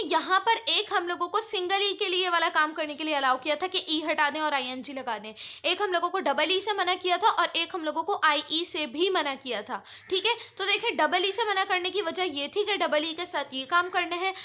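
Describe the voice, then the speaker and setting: A woman's voice: extremely high pitch, moderate pace, few pauses, sharp tone. A woman with a Pakistani accent teaching an online English grammar lesson, explaining rules step by step and often checking whether students follow. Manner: explains step by step, checks understanding with repeated "okay?".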